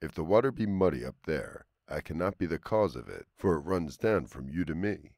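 A man's voice: a bass voice, expressive, a little fast, a little mellow, dry recording, studio quality. A man voicing a timid young female lamb in a storybook fable, with a meek, pleading way of speaking.

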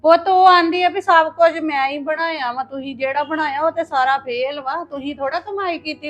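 A complaining mother-in-law, played by a woman, grumbling in a raised, wheedling tone. Her voice sits high and the recording sounds slightly dull. Soft music plays behind. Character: scheming mother-in-law complaining about daughter-in-law. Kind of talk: Punjabi family web drama.

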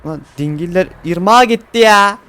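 Excitable high-voiced man commenting on gameplay. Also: moderate pace, clean tone. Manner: excitable, swears and exclaims at the game. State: numb mouth after dental injection. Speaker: gaming streamer.

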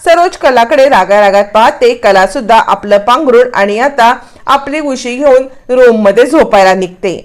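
High-voiced woman narrating a serial recap. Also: normal speed, hardly any pauses. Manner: lively storytelling narration. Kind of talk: dramatic recap of a TV serial episode.

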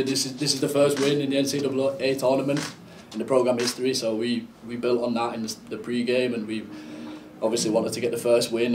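A young adult man, a team captain, giving brisk, plain answers at a press conference in an indoor room. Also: mid-range voice, far from the mic, background noise. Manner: brisk, plain short sentences.

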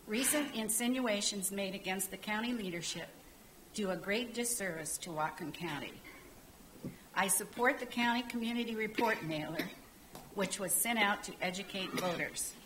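A woman's voice: medium pitch, fairly bright tone, a little hiss or hum, poor audio. An older woman giving a formal public comment from a podium in a council chamber, reading a prepared statement. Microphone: podium microphone.

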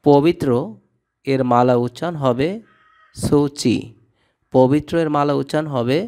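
A man teaching vocabulary, reading each word and its meaning and repeating it in a steady drill. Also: mid-range voice, measured pace, smooth. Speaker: language tutor. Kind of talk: scripted vocabulary lesson.

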